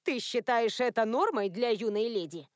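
A woman voicing a prim, controlling elderly woman who is a werewolf grandmother, lecturing in a cold, even tone. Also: fairly high pitch, normal speed, no echo, studio quality, natural voice. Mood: stern.

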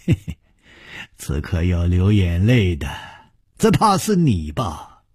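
Sly old villain, high and taunting, husky edge; a male storyteller plays him. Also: sing-song, a little slow, exaggerated voice. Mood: sinister. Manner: shrill mocking cackle.

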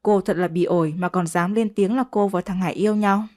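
A woman's voice: medium pitch, fairly even intonation, a little fast, a little mellow, close to an everyday voice. A woman voicing a stern older mother-in-law who scolds with open contempt. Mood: scornful scolding.

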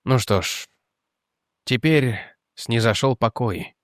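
Man doing weary gentle detective, quiet, measured, medium pitch, audiobook, dry sound. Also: no room sound, close to an everyday voice.

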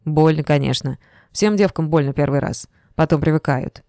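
A blunt, coarse young village man from a storybook, gruff and impatient, as a woman reader puts him on. The voice sits on the low side with a mellow, darkish tone, recorded close and dry with no room sound. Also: moderate pace, dry recording. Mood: curt.

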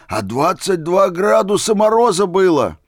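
A man's voice: medium pitch, huge pitch swings, measured pace, slightly rough, no room sound, studio quality, exaggerated voice. A man voicing an ecstatic old man who cries out in rapture over a holy fool. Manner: exclaiming, shouting in rapture.

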